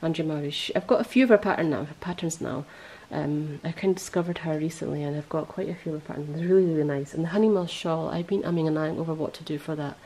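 A woman hosting a podcast in casual chat, rambling and correcting herself as she goes, her voice a little hoarse. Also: low-pitched, fast, hardly any pauses, warm tone, low-quality recording. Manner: chatty, rambling, self-correcting. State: voice going hoarse. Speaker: podcast host.

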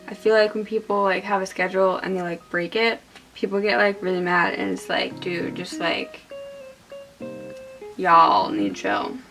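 In a small indoor room, a beauty vlogger in her twenties talks through her makeup routine while hungover, rambling and poking fun at herself. Her voice is medium-pitched with a fairly bright tone.

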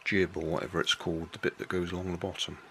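A man's voice: deep voice, flat delivery, quick pace, creaky, fairly bright tone, a little hiss or hum. An older man casually walking through a hobby build at a kitchen table, explaining each step plainly and unhurriedly, correcting himself as he goes.

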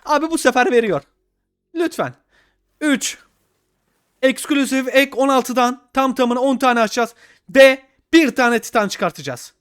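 Young man yelling over a game. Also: extremely high pitch, measured pace, pauses often, clean tone, dry recording, studio quality. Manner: pleading and shouting at the game, swinging from mutters to yells. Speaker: gaming YouTuber. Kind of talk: excited gameplay commentary.

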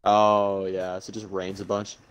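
A man's voice: low-pitched, monotone, normal speed, clear, resonant tone. A man chatting easygoingly with friends over voice chat while playing a game, laughing often. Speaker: gamer on voice chat. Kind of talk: casual chat.

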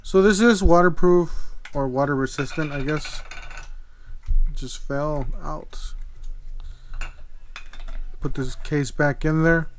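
A man's voice: a little high, slow, pauses often. A man casually reviewing a product at his desk, thinking aloud with fillers as he handles it. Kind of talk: casual unboxing commentary. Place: desk at home, later kitchen and outdoors at night.

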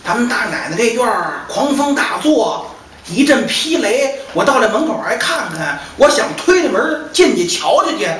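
一个男人演的着急的老仆人，一惊一乍地问，大厅回声，有点底噪. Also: male voice, very high-pitched, fairly bright tone, pitched above the performer's own voice, heavily acted. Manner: flustered, stammering questions. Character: anxious old male servant gardener. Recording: echoey distant hall, faint noise.

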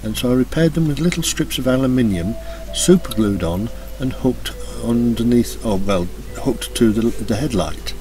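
A man narrating a slideshow of his motorbike restoration in a relaxed, hesitant way, with frequent ums and uhs. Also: mid-range voice, moderate pace, slight background noise. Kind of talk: casual voice-over commentary. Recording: voice-over with music playing behind.

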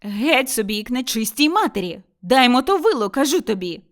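A woman reading an audiobook, voicing a quarrelsome older village mother-in-law who scolds and shouts shrilly. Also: fairly high pitch, big pitch swings, moderate pace. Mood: furious. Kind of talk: audiobook character voice.

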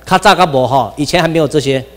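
A man with a Taiwanese Mandarin accent lectures a class in a loose, rambling way, restarting phrases and tossing in exclamations. His voice sits a little high for a man. The sound carries a long reverb from the lecture room. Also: fast.

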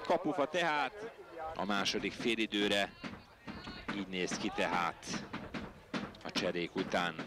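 A man giving live football match commentary in an excitable manner. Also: lowish voice, long pauses. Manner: excitable, voice leaps on big moments. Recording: noisy outdoor match broadcast.

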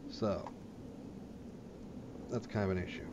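A man hosts a gaming video with casual, plain-spoken commentary, his voice low and steady and his pace slow. The sound is lo-fi, with game ambience clearly audible behind him.

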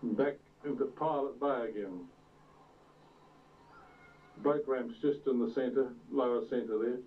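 A man narrating his own home video footage on an old VHS tape, unhurried, pointing out sights like a tour guide. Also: mid-range voice. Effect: old VHS tape sound. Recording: tinny, distant, hissy old camcorder tape.

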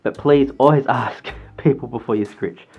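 A man's voice: medium pitch, normal speed, a little mellow, slightly rough, soft background music. Man muffled inside a costume head. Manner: rambling, repeats words, laughs often. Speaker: fursuiter vlogger. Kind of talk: casual advice vlog.

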